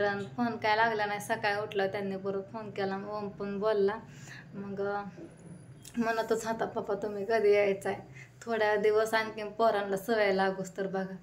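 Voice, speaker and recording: Village mom vlogging at home, chatty storytelling, bit of noise in the background. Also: female voice, mid-range voice, little pitch movement, moderate pace. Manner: chatty storytelling, quoting herself and her children. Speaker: vlogger and mother. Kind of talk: casual home vlog narration.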